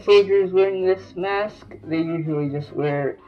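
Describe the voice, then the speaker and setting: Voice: mid-range voice, a little slow, dull audio. A collector gives a casual show-and-tell review of their gear, talking loosely through a gas mask they are wearing. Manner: informal, loosely explaining as they go.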